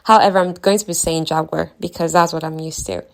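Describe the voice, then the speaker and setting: A woman with a low, steady, creaky voice briskly recaps the plot of a fantasy novel. She talks directly to her listeners in a chatty way, tossing in offhand asides.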